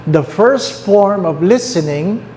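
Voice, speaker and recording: Filipino priest guy preaching, slightly high voice, roomy echo, faint hum behind. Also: lively intonation, a little mellow. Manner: mixes English and Tagalog, asks the listeners questions; repeats key phrases slowly. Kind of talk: sermon.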